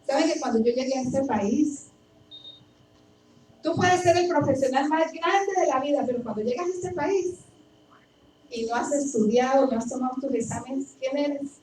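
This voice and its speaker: A woman with a high-pitched voice, speaking at a moderate pace, preaches a sermon built around her personal testimony. She tells her own story and asks emphatic questions with lots of repetition, in an echoey, distant recording with faint background noise.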